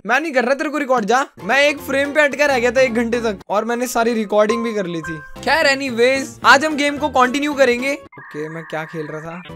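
Playing a game, this young Indian-accented YouTuber keeps up light, self-deprecating commentary peppered with English, in a very high and somewhat bright voice.

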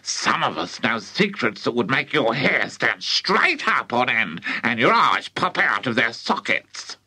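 A man voicing a gloating, menacing old grandmother with a witchy streak, in a slow, relishing, creepy drawl. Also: mid-range voice, sing-song, sharp tone, husky, no echo, heavily acted.

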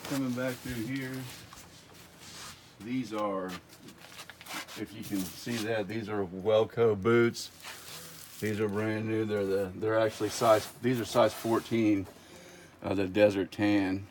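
Walking through a big warehouse, a middle-aged guide lists stock one piece at a time, casually and repetitively. He speaks slowly with frequent pauses in a steady, low-leaning, slightly mellow voice; a handheld phone nearby records the noisy scene.

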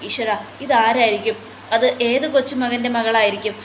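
A woman's voice: on the high side, fairly even intonation, moderate pace, slight background noise, natural voice. A woman voicing a bewildered, anxious old grandfather full of puzzled questions. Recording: roomy echo.

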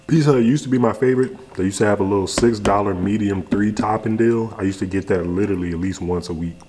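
In a home kitchen, a young American man who hosts food review videos talks to the camera between bites, keeping it relaxed and full of slang. His voice sits on the low side, a little mellow and quick, with a faint hiss or hum behind it.

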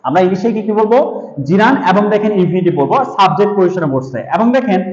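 High-voiced man teaching grammar, echoey. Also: animated, darkish tone, highs cut off. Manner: explanatory, repeats "দেখেন" often, drills example sentences slowly. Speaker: English teacher. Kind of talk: spoken grammar lesson.

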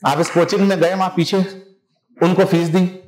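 A man's voice: sits high, flat delivery, normal speed, a little mellow, roomy sound, slight background noise, rough recording. A man teaching a civil services exam class in a conversational lecture style, often checking that his students follow him.

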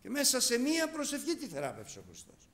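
Middle-aged guy preaching, high lively voice, punches and repeats his key words. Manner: tells stories with quoted dialogue. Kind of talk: sermon.

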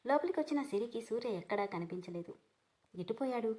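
A woman storyteller reading a written story aloud. Her delivery is steady and measured, a plain read-aloud narration. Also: mid-range voice. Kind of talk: scripted narration.

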